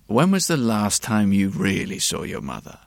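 A man's voice: fairly low pitch, big pitch swings, moderate pace, vocal fry, dry recording, clean studio sound, voice pushed down. A man playing a patient neighbourhood policeman who questions a lost boy with mounting disbelief. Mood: incredulous.

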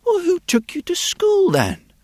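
A patient local policeman, as a man reads him aloud questions a lost child in a lively, rising voice full of disbelief. His tone climbs and dips a lot, and the sound is dry and close. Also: very high-pitched, unhurried, no echo, voice pushed up, full character voice. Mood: incredulous. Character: patient, incredulous neighbourhood policeman.

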